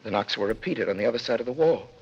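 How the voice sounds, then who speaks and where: Edmond Dantes, grave low-voiced prisoner. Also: male voice, lively intonation, creaky, a little mellow, highs cut off. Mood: grave, despairing. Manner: grave, deliberate, intense. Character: anguished imprisoned man recounting his years in a dungeon. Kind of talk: classic radio drama acting, dramatic first-person narration. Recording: noisy old radio recording.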